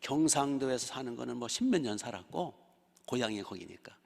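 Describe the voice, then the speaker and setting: A man's voice: mid-range voice, lively intonation, fairly quick, vocal fry, darkish tone, long reverb tail. A man in his sixties, a pastor telling stories in a sermon and asking the congregation rhetorical questions. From Chungcheong region, South Korea. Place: church sanctuary.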